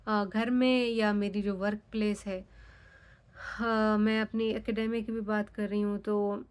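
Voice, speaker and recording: A woman's voice: medium pitch, little pitch movement, unhurried, clean tone. A young Pakistani woman, a native Sindhi speaker with a Sindhi accent, chatting frankly and casually as a vlogger, dropping English phrases into her talk. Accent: Sindhi-accented Urdu. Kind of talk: casual chat.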